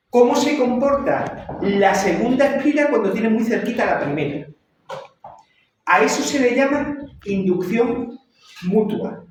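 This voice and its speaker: Guy lecturing a class, kinda high voice, really echoey room, mic way off. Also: recorded from a distance, slight background noise. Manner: repeats and checks understanding with "¿vale?". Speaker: university lecturer.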